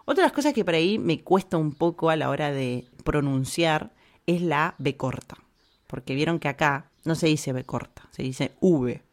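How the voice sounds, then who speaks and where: A woman from Argentina with an Argentine accent, chatting casually to camera in an animated, opinionated way full of fillers. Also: sits low, moderate pace. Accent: Argentine Spanish. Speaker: vlogger.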